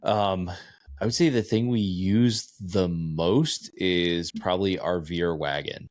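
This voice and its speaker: A man co-hosting a casual podcast, giving relaxed, matter-of-fact recommendations into a podcast microphone. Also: deep voice, slow, no room sound. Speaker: podcast co-host.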